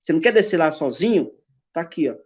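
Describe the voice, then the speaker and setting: A man's voice: on the high side, expressive, fast talker, breathy edge. A man as a podcast guest, telling a personal faith testimony in casual chat and acting out the dialogue as he goes. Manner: emphatic storyteller, acts out dialogue. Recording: dull lo-fi podcast audio.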